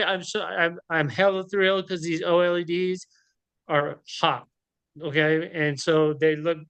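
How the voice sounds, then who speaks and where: Brief: male participant, fairly high voice, tripping over his words and restarting. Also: fairly bright tone, smooth, no room sound. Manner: rambling, stammering, repeats words. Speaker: meetup participant. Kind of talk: casual chat on a group call.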